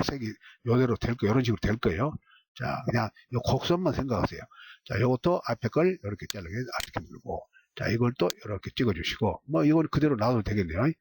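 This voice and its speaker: Man patiently walking through software steps. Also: mid-range voice, breathy edge. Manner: step-by-step, repeats "자" and "이렇게". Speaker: software instructor. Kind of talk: screen-recorded software tutorial.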